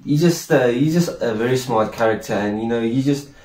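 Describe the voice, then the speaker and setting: A man's voice: mid-range voice, brisk, darkish tone, echoey room, poor audio. A young man chatting casually with his sister, hesitant and restarting his sentences. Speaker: guest, host's brother. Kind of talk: casual chat.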